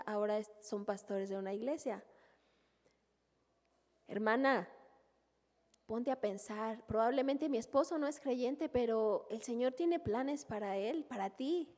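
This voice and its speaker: A woman's voice: a little high, darkish tone. A Mexican woman teaching a women's church group in a conversational way, often asking the listeners to agree. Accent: Mexican Spanish. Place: church hall. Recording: long hall reverb.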